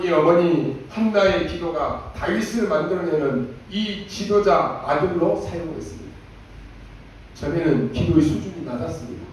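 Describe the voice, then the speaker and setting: A man's voice: high-pitched, a little hiss or hum. A male pastor delivering an emphatic sermon, acting out prayers in a raised voice. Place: church sanctuary. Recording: echoey church hall from far off.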